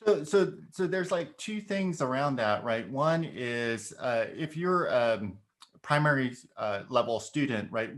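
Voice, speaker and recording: Speaking a little slowly with lively intonation, this middle-aged man, whose first language is Korean, is an education podcast guest with a medium-pitched, somewhat bright voice. In a casual discussion he thoughtfully lays out ideas through examples, tossing in "right?" often.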